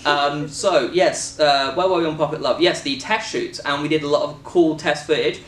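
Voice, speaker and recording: A British man talks in a loose, rambling way, joking and filling pauses as he goes. His voice sits a little high. He is recorded from some distance in a reverberant room with a faint hiss underneath. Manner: rambling, jokey, many fillers. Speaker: filmmaker and co-host. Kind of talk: casual chat.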